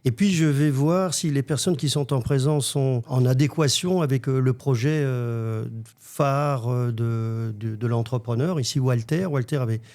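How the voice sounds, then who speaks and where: A man who grew up in Africa, a leadership coach speaking as a guest on a business talk show, telling his path in a measured, reflective way. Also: medium pitch, darkish tone. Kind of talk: explanatory talk-show conversation.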